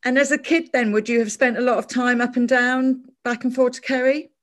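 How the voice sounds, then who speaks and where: A woman's voice: fairly high pitch, fairly even intonation, brisk. An Irish woman hosting a podcast, talking casually with many fillers and easy laughs. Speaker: podcast host. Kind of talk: casual interview chat.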